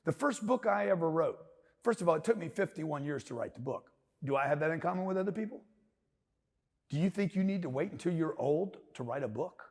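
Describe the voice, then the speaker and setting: A man in his fifties from Louisiana with a Southern accent, giving a loud, emphatic, rambling and jokey seminar talk as a business mentor. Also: on the high side, expressive, brisk, slightly rough. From Louisiana, USA. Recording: long hall reverb.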